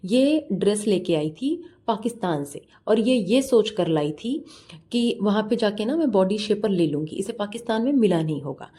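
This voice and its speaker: A woman doing reaction vlog commentary with a scornful, mocking tone. Her voice is warm and mellow at a middle pitch, and she scolds steadily throughout. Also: lively intonation, normal speed, breathy edge. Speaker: reaction vlogger.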